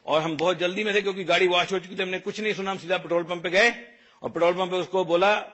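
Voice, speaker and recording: High, bright-voiced man telling a story. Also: fast, muffled recording. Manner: lively anecdotal, acts out dialogue. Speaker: motivational speaker. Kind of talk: storytelling speech.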